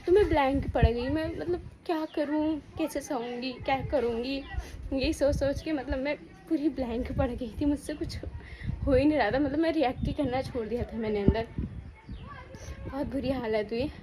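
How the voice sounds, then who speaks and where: A woman's voice: high-pitched, moderate pace, noisy background. A young woman vlogging and tearfully telling her own story, often repeating herself. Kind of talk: emotional personal vlog.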